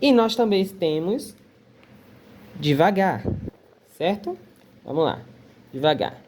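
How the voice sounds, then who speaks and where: A woman with a lowish, very lively voice gives an unhurried language lesson, sounding out each word slowly and often pausing to check her students are following. A faint hum sits behind her. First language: Portuguese. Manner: patient, repeats words slowly, checks in with "tá?". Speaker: Arabic teacher. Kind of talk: relaxed online language lesson.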